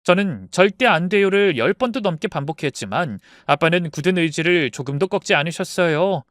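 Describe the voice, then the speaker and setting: A woman telling a heartfelt true story in a calm, scripted narration. Her pitch moves in lively rises and falls. The recording is dry and close. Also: brisk, no room sound.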